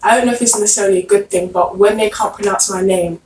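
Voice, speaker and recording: A woman's voice: mid-range voice, steady tone, fast, a little mellow. A young woman in a casual group discussion, speaking informally with lots of filler words. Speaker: guest. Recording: echoey room, distant mic, faint noise.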